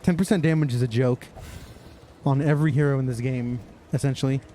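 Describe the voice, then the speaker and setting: A man's voice: medium pitch, fairly even intonation, brisk, mellow, a little hiss or hum. A young man giving casual, sarcastic commentary while playing a game. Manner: sarcastic, mocking, talks to himself. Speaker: streamer.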